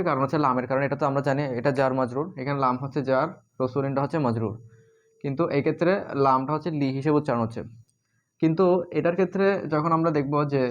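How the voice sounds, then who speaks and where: Fairly high-voiced man teaching at a board. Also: dull audio. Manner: explains step by step, many "ah" fillers and checking questions. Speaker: Arabic teacher. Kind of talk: casual whiteboard lesson.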